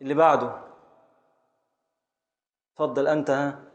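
With a medium-pitched voice, fairly even intonation and a moderate pace, a man speaking with an Egyptian Arabic accent teaches a class. He is an Islamic scholar covering Arabic grammar and prosody, and he quizzes his students while scanning verse syllable by syllable.

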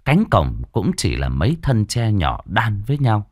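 Expressive male storyteller. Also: fairly low pitch, measured pace, no echo, clean studio sound. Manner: expressive, colloquial. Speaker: audiobook narrator. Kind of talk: storytelling narration.

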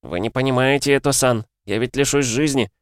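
Brief: male reader voicing a squeaky storybook spirit, scared and pleading, dry close sound. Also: brisk, clean tone, no room sound, close to an everyday voice. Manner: whimpering, stammering. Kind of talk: audiobook character voice.

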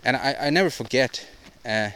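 A man's voice: medium pitch, bright, forceful tone, clear, resonant tone. Rambling man on a solo podcast. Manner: halting, rambling, frequent restarts and repeated words; opinionated, ranting delivery. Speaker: podcast host.

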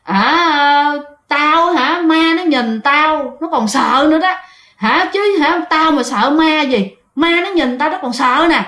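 A woman's voice: high-pitched, a bit bright. A woman voicing a drunk, boastful middle-aged man who drags out his words and brags that he fears nothing. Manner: slurred, drawn-out drunken bragging. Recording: roomy echo.

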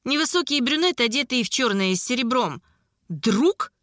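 A woman narrating a fantasy audiobook in a brisk, expressive reading. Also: a little high, dry recording, studio quality.

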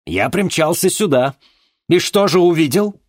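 A man voicing a strict, angry middle-aged father who scolds loudly in an audiobook. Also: mid-range voice, big pitch swings, moderate pace, no echo, clean studio sound, pitched above the performer's own voice. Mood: furious. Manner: loud, growling and scolding. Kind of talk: audiobook character voice.

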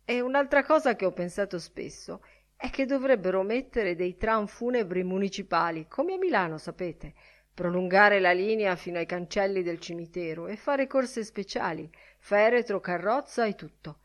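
A woman's voice: mid-range voice, expressive, moderate pace, close to an everyday voice. A woman reading an audiobook, voicing an earnest middle-aged Dublin man who explains his ideas eagerly.

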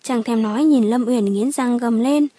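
A woman's voice: on the high side, normal speed, warm tone, no echo. A woman narrating a dramatic audiobook story in scripted, storytelling style.

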